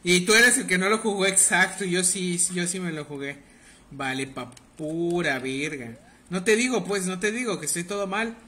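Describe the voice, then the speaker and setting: A man's voice: high voice, moderate pace, sharp tone. A young man with a Mexican Spanish accent giving crude, joking live commentary while playing a game and bantering with his chat. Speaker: livestreamer. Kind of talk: casual live gameplay commentary.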